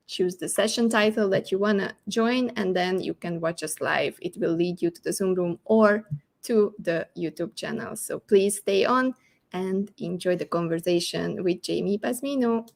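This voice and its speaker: A chatty woman hosts an online show and laughs easily between her lines. She talks through a video call in an ordinary, middle-pitched voice. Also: a little mellow. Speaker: host. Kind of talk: show intro and interview.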